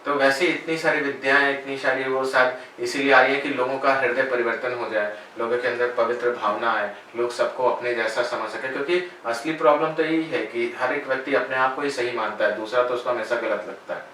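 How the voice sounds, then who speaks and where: A man who works as a spiritual guide and meditation teacher, giving calm, measured answers in an interview. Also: mid-range voice. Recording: very echoey room, voice far from mic, faint noise.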